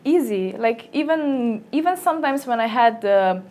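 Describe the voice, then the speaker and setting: This young woman from Slovenia talks in slightly high-pitched, second-language English. She tells stories in an animated way, often jumping into brighter voices to mimic the people she quotes. She sounds like she's in a small office room. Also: moderate pace, slight background noise. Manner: lively storyteller, acts out quotes in a higher voice. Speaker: guest. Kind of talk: casual interview chat.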